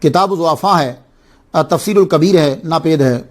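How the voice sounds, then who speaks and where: A man preaching an Islamic sermon. His voice sits high for a man and rises in animated bursts. He keeps repeating phrases and exclamations as he tells the story. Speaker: religious preacher.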